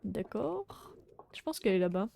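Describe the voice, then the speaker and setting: A young adult woman streaming a game, chatting casually with viewers in French, swearing and breaking into sudden loud exclamations. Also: mid-range voice, big pitch swings, normal speed, vocal fry, a little hiss or hum. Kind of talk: casual live game commentary.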